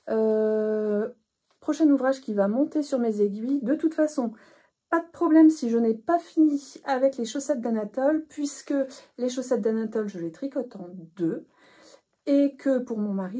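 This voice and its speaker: A woman's voice: fairly high pitch, a little slow, warm tone, husky. A middle-aged woman hosting a knitting podcast, chatting casually with frequent hesitations and restarts. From northern France. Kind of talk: casual chat to camera.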